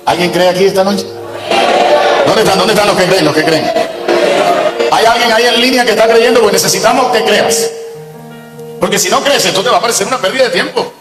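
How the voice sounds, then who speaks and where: A man's voice: high-pitched, echoey room, in a large hall, rough recording. A man preaching a sermon at a church service, telling a story with fervent emphasis. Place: church service, also streamed online.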